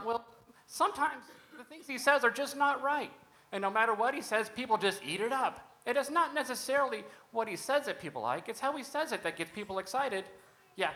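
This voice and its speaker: A woman's voice: fairly high pitch, fairly bright tone, low-quality recording. A woman playing a cheerful robot Sunday school teacher in a church comedy skit, talking in a chatty, folksy way. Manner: chatty, folksy, sing-song.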